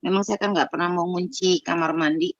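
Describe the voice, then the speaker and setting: A woman's voice: on the low side, steady tone, fairly quick, dry recording. Earnest middle-aged woman on a dull call. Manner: candid, earnest storytelling with many restarts. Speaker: participant sharing a personal story. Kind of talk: casual conversation on a video call. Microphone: video call microphone. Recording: dull lo-fi video call audio.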